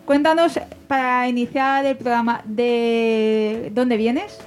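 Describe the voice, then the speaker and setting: Una mujer española que conduce un pódcast en tono de charla informal, preguntando con frecuentes reinicios. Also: female voice, on the high side, steady tone, takes it slowly. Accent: Spanish from Alicante. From Spain. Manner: chatty, asks questions with frequent restarts. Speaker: podcast host. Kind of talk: casual podcast interview.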